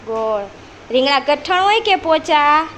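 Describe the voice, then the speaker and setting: A woman preschool teacher quizzing small children in a classroom, speaking slowly and patiently and repeating each child's answer back. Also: high voice, animated, a bit bright, a little hiss or hum.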